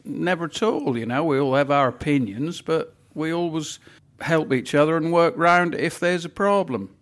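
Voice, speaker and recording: A man's voice: fairly high pitch, moderate pace. A middle-aged man with a Norfolk accent, chatting casually as an interview guest in plain-spoken dialect. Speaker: interview guest, family farm worker.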